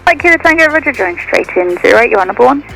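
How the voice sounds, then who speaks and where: A woman speaking as an air traffic controller over the radio, giving clipped clearances. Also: on the high side, lively intonation, rapid-fire, fairly bright tone, low-quality recording. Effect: aircraft radio transmission.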